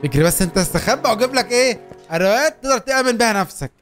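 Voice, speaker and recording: A young man with an Egyptian Arabic accent giving excitable, joking commentary as he plays a game. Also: very high voice, rapid-fire, faint music behind. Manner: excitable, joking, urging his character on. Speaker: gaming YouTuber. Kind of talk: Let's Play commentary.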